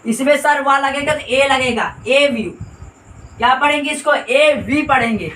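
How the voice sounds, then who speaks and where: A man's voice: extremely high pitch, a little slow, bright, forceful tone. A male grammar teacher explaining a lesson, repeating points and quizzing listeners with constant questions. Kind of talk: classroom explanation. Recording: echoey room, distant mic.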